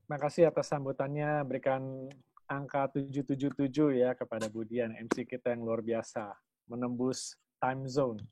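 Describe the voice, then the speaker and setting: Upbeat man pitching over video call. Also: level tone, normal speed, mellow, slight background noise. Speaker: presenter. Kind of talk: online business presentation.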